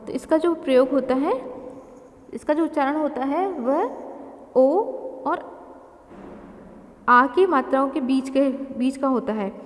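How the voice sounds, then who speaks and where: Woman teacher, high voice, measured delivery, reverberant room; grammar lesson. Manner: slow, careful explaining with spoken examples and self-corrections. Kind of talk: classroom lesson explanation. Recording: long reverb.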